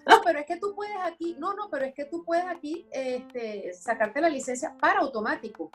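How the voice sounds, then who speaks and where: A woman, a podcast guest, telling stories in an animated way and repeating words for emphasis. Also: high voice, moderate pace, soft background music. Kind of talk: casual storytelling chat.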